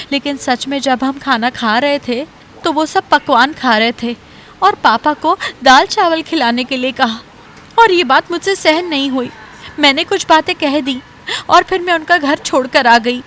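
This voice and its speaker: A woman's voice: high-pitched, normal speed, fairly bright tone, slight background noise. A woman voicing an earnest young daughter-in-law who stands up for her father in a cartoon story. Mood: upset. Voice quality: earnest, firm. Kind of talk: cartoon voice acting.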